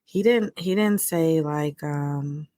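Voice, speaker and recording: A middle-aged woman, a therapist co-hosting a podcast, chatting casually and telling stories with lively quoted asides. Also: low voice, slow. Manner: animated, storytelling with quoted asides. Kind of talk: casual chat.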